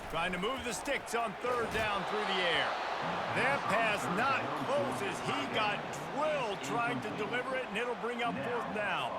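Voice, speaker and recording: A man's voice: high-pitched, heavy background noise. An American man doing play-by-play sports commentary for a football video game. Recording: loud music behind the commentary. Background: loud music.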